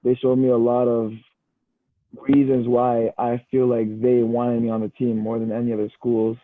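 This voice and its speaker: On a casual podcast, the guest is a young Canadian who plays university football, talking at a normal pace and medium pitch with no room sound. "Bro" and "you know" come up often in his relaxed, easygoing chat, carried over a dry, tinny phone-like line.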